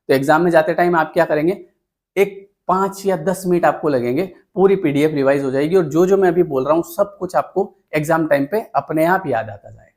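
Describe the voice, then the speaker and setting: An Indian-accented man teaches an exam-prep lecture. He explains patiently, repeats the key points and slips English terms into his talk. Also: a little high.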